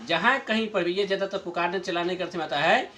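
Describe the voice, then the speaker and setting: A middle-aged man teaching a grammar lesson to a class, explaining slowly, repeating his points and chuckling often. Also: high-pitched, sharp tone.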